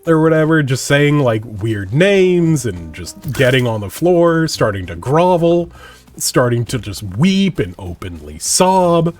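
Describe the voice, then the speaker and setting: A man streaming a game, telling a rambling, profane story and acting out the dialogue. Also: a little high. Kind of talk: casual storytelling while gaming. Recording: music playing under the voice.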